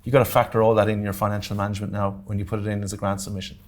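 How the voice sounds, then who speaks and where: A man's voice: fairly low pitch, level tone, very fast. Irish man giving a grants workshop. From Ireland. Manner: direct, joking asides, checks in with the audience. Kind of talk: workshop lecture to a live audience. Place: community centre meeting room.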